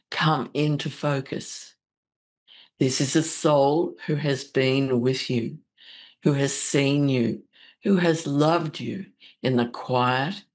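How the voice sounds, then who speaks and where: A woman speaking as a spiritual host and meditation guide, with a soothing, gentle, deliberate delivery. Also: sits low.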